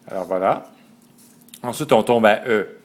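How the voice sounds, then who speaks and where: A man, slowly and methodically teaching a writing system letter by letter. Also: fairly low pitch. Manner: slow and methodical, spelling out letters one by one. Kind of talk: step-by-step lesson.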